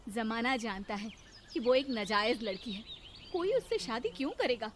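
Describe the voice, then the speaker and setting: A woman's voice: on the high side, lively intonation, moderate pace, slight background noise, lightly acted. A woman voicing a bitter middle-aged stepmother who taunts and complains in a cartoon story. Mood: taunting.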